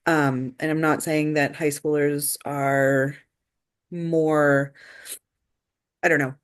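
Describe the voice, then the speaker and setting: Low-pitched woman, earnest and halting. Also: flat delivery. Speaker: book review co-host. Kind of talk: casual discussion.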